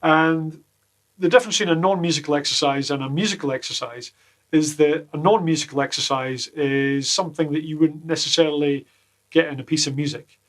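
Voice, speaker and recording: A man teaching guitar exercises in a casual lesson from a small home studio, full of deadpan jokes between the explanations. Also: on the high side, a little fast. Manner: jokey, deadpan asides. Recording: loud guitar playing behind the voice.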